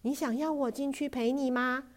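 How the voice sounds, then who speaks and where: A woman voicing a gentle, patient mother who coaxes softly and sometimes hushes to a whisper. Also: high-pitched, fairly even intonation, moderate pace, voice pushed up, close to an everyday voice. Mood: coaxing. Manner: soft, coaxing, hushed at times.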